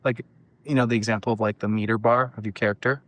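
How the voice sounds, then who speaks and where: A man's voice: on the low side, steady tone, fast, a bit bright, dry recording. A man co-hosting a podcast, chatting casually about online stories and teasing with sarcastic jokes. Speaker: podcast co-host.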